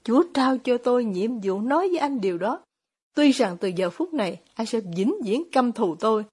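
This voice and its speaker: Woman reading as soft-spoken devout young man in an audiobook, hushed, breathy, a bit high. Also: animated. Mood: pleading. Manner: hushed, quiet and deliberate.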